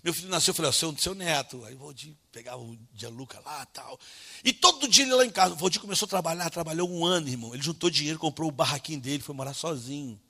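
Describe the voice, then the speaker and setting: A Brazilian preacher with a fairly high, gravelly voice, telling a personal story with emotional repetition. His tone is bright and tense, with a husky, raspy grain and plenty of vocal fry. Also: animated, very fast. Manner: emotional, repetitive storytelling, calls listeners brother. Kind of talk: sermon storytelling.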